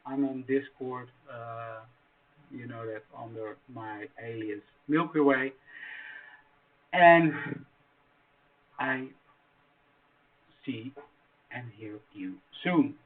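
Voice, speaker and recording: A Dutch man from the Netherlands explains a trading strategy in a screen-share tutorial, halting and full of fillers and restarts. His voice is medium-pitched and the sound is tinny, like a phone.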